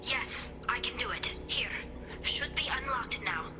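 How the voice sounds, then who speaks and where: Tali over a sci-fi communicator. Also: female voice, fairly high pitch, expressive, a little slow, background noise. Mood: urgent. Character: young female alien engineer, earnest and brave. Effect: sci-fi communicator radio transmission. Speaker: squad ally on comms. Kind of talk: video game voice acting. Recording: game audio with loud music underneath.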